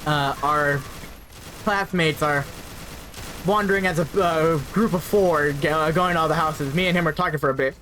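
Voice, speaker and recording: A man's voice: fairly high pitch, moderate pace, bright, forceful tone, a little hiss or hum. A young man casually telling a personal story, rambling, repeating words and adding "right?" asides.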